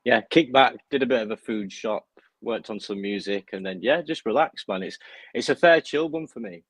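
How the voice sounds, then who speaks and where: A young man as a podcast guest, talking in a relaxed, friendly way. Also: fairly low pitch, normal speed, slightly rough, dry recording. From United Kingdom. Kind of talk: casual interview chat.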